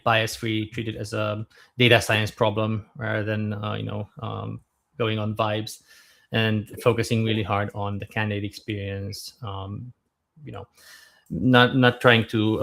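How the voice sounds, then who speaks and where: Man in his thirties from Romania, low gravelly voice, flat even tone, podcast guest. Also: unhurried. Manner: relaxed, thoughtful, frequent uh fillers. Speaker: guest, startup founder. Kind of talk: casual podcast interview.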